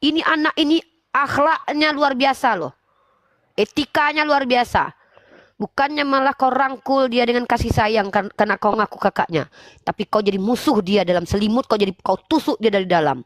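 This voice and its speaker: Woman host going off on someone, preachy and fierce, kinda high voice, dry sound. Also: moderate pace, dry recording. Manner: scolding, preachy and forceful. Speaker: host of a religious debate livestream. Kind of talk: livestream talk.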